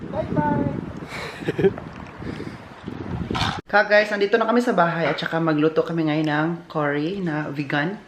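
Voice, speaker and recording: A woman's voice: low voice, moderate pace, pauses often. Chatty woman vlogging from a sizzling kitchen. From Philippines. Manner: chatty, laughs often, switches languages. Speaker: vlog host. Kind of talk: casual family vlog chat. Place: home kitchen and outdoor walk. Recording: roomy sound with loud cooking noise. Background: frying and sizzling.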